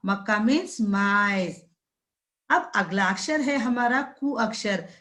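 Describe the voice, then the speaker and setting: Slow, patient woman teaching syllables. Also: a little high, fairly bright tone. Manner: drawn-out syllable-by-syllable pronunciation drills; repeatedly addresses children, checks understanding. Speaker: primary school Hindi teacher. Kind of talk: slow classroom lesson addressing children.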